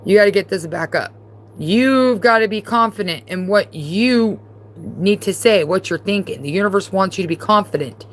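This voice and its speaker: A woman's voice: mid-range voice, lively intonation, normal speed. A woman doing a live-streamed tarot reading, talking casually and bluntly to the viewer and often repeating herself. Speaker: tarot reader.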